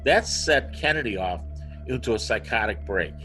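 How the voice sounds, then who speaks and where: A man's voice: lowish voice, normal speed, faint music behind, poor audio. A man who is a guest author, telling a story animatedly over a video call. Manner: animated storyteller, acts out quotes. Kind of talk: conversational storytelling.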